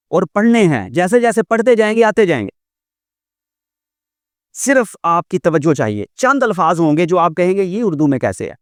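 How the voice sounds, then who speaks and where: A man teaching a vocabulary lesson in a patient way, explaining each word slowly and often repeating it. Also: a little high, no room sound, studio quality. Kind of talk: classroom lesson.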